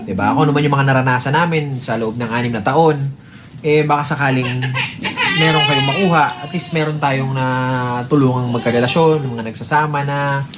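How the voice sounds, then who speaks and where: A man's voice: mid-range voice, steady tone, normal speed, heavy background noise. A man sitting beside his partner, giving earnest relationship advice in a casual heart-to-heart chat, mixing English phrases into his talk and repeating himself. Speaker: vlogger talking with his partner.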